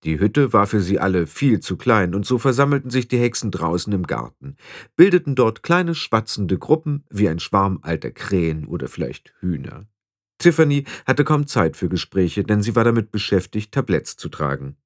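Low, lively male audiobook narrator. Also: moderate pace, dry recording, studio quality. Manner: expressive, varied reading. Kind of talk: storybook narration.

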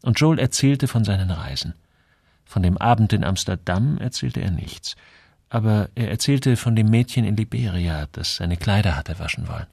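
A man reading a novel aloud in measured scripted narration. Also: lowish voice, expressive, creaky, darkish tone, breathy edge, dry recording, studio quality. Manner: measured storytelling. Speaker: audiobook narrator.

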